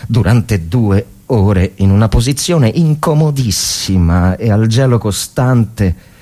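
In a low male voice, an actor gives a theatrical dramatic reading as a tormented, fervent Italian army officer in the First World War trenches. The monologue is halting and full of repeated phrases, swinging from hushed to frenzied.

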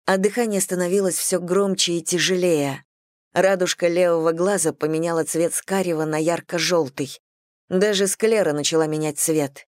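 Woman narrator for a fantasy audiobook, lowish voice, dry close sound. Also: darkish tone, no echo. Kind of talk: scripted narration.

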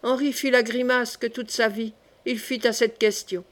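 A woman's voice: on the high side, steady tone, moderate pace. Woman narrating an audiobook.

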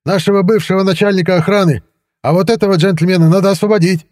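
A man voicing a hysterical middle-aged restaurant director, shrill, excited and flustered. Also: normal speed, husky. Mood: shrill, agitated.

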